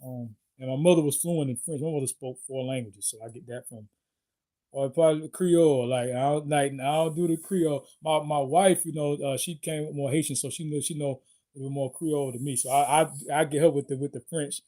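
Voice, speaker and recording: A man hosting his own video, giving a loose, halting sign-off and often stopping to search for words. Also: on the high side, fairly even intonation, dark tone. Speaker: video host. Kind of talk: casual vlog sign-off.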